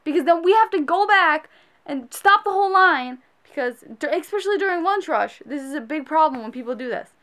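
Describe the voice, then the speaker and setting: A high-pitched woman delivers a casual, exasperated rant about how people behave. She scolds emphatically, like a fed-up food service worker addressing viewers directly. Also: expressive, fairly quick, sharp tone. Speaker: sandwich shop worker.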